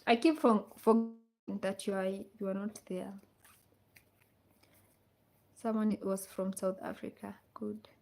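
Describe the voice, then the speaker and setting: A woman's voice: medium pitch, little pitch movement, normal speed, gravelly, a little mellow, slight background noise. A woman from Kenya hosting a casual livestream, reading out viewer comments and repeating her questions to the audience. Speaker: livestream host. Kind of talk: casual live chat with viewers.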